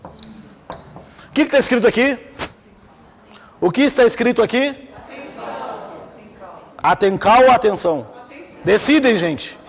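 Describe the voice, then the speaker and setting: A man's voice: extremely high pitch, slow pace, pauses often, in a large hall. A man with a Brazilian accent giving an informal lecture on Islamic theology, telling stories with energy and asking the class questions. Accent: Brazilian Portuguese. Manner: lively storytelling, asks the class questions.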